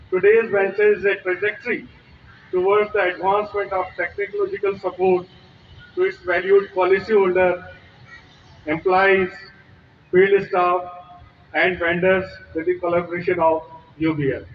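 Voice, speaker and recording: A man with a high voice gives a formal speech full of elaborate wording. He sounds distant and tinny, like a phone line. Faint hiss sits behind him. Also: flat delivery, moderate pace.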